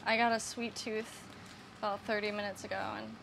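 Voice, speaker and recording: A woman's voice: medium pitch, level tone, moderate pace, gravelly, noisy background. A young woman vlogging casually about her new camper, rambling, self-mocking and swearing off-handedly. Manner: chatty, self-deprecating, swears casually, laughs often. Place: camper trailer and outdoor land.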